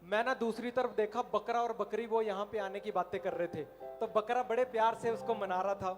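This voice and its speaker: A man from Himachal Pradesh doing animated stand-up comedy on an outdoor festival stage, telling stories. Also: high-pitched, normal speed, soft background music. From Himachal Pradesh, India. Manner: animated storytelling, puts on animal and cartoon voices. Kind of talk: stand-up comedy at a college fair.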